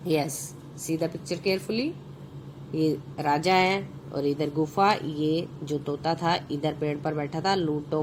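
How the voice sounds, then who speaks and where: A woman teacher with a fairly low voice reads a children's story aloud at a very slow, deliberate pace. She repeats each sentence and stops to question her pupils, mixing English words into her explanations. A faint background noise sits under her voice. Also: poor audio. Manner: reads each sentence slowly twice, then quizzes the children. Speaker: schoolteacher.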